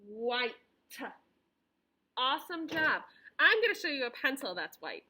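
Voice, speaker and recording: Female preschool teacher, toddler-directed delivery: slow, high-pitched, encouraging, with pauses for children to answer. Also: very animated, sharp tone. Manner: encouraging, simple phrases with pauses for replies. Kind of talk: lesson for young children, speaking as if reading to a toddler.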